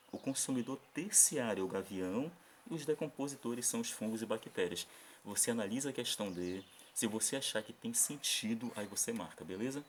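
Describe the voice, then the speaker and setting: A man's voice: mid-range voice, slight background noise. A Brazilian man teaching a recorded remote class, patiently explaining a worksheet and checking in with short tag questions after nearly every phrase.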